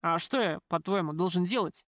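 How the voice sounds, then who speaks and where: A woman's voice: fairly low pitch, normal speed, a bit bright, no echo, close to an everyday voice. A spoiled young man talks back to his father in a sullen, grumbling way, as a woman narrator reads him. The read is close and dry. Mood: defiant. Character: sulky young man, a spoiled newlywed son.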